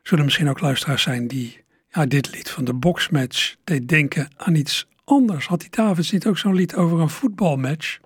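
Husky-voiced male radio presenter. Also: fairly high pitch, no room sound, clean studio sound. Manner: thoughtful, searching for words with pauses. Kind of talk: radio programme commentary.

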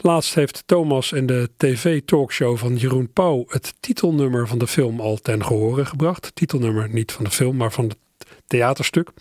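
A man's voice: mid-range voice, darkish tone, dry recording, studio quality. A man presenting a radio program, introducing recorded fragments in a conversational way with little asides.

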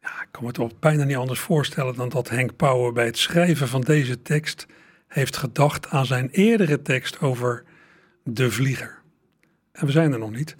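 A man presenting old recordings to radio listeners in a chatty manner, speaking to them directly. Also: medium pitch.

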